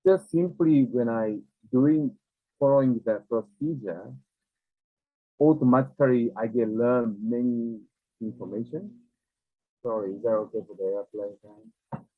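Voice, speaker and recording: A man with a Japanese accent talks reflectively at a very slow pace. He is a non-native speaker who pauses to search for words as he explains things conversationally. The sound is narrow and tinny, like a call. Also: mid-range voice. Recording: tinny, narrow phone-like, echoey room.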